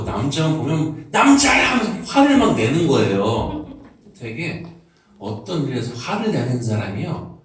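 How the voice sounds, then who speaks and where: A man preaches to his congregation, talking plainly and conversationally. His pitch moves a lot, leaping up and sinking back. The mic sits away from him, and a church hall rings with heavy echo around his voice. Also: far from the mic. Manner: conversational preaching, lively rises and drops. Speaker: pastor. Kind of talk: sermon. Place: church sanctuary.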